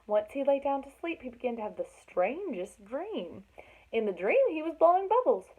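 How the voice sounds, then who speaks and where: This woman has a high voice that swings widely in pitch, moving at a normal speed. She gives an expressive read-aloud of a children's story, dramatizing it for young listeners and adding chatty asides. Sound quality is thin and band-limited, like a phone.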